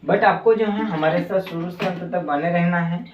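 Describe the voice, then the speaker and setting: A man's voice: high voice, highs cut off, a little hiss or hum. Male teacher, roomy distant classroom sound. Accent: Madhya Pradesh Hindi. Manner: explains slowly with many fillers and repeats "ठीक है". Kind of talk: online class lesson.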